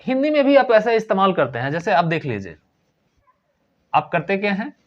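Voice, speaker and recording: A man's voice: high-pitched, sing-song, fairly quick. A man teaching English grammar in a recorded lesson, explaining patiently and repeating key points. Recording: dull lo-fi recording.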